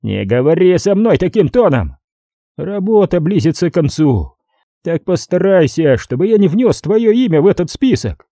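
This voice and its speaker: A man voicing a furious male crime boss who shouts threats down a phone in an audiobook. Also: sits high, very animated, moderate pace, dry recording, studio quality, pitched above the performer's own voice. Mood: enraged.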